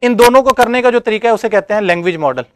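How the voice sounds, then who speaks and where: A man's voice: high-pitched, quick pace, no echo. Male lecturer, easygoing classroom talk, keeps asking if it makes sense, close and dry sound. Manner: conversational, checks understanding often.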